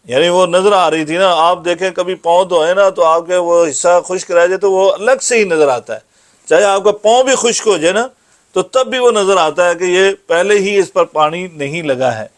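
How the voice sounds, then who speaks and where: A man giving a religious lesson, reciting Arabic phrases slowly and then explaining them plainly. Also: sits high. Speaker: Islamic teacher giving a hadith lesson.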